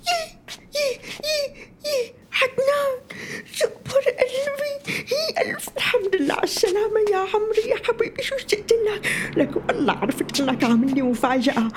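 A woman's voice: very high voice, lively intonation, rapid-fire, slight background noise. A woman with a Syrian accent playing a lonely, talkative elderly mother in a drama. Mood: tender, excited. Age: older. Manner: talkative, tender, emotional. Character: lonely elderly mother, warm, chatty, wistful. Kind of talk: scripted drama acting.

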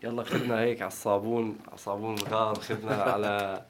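Fast-talking male host with a Syrian accent. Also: on the low side, flat delivery. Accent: Syrian Arabic. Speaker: interview host. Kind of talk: conversational interviewing.

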